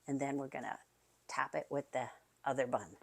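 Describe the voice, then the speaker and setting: A woman's voice: extremely low pitch, moderate pace, gravelly. A woman hosting a home cooking video, chatty and enthusiastic, talking straight to her viewers as she shows a recipe. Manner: enthusiastic, chatty, addresses viewers as you guys. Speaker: cooking channel host. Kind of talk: casual recipe demonstration.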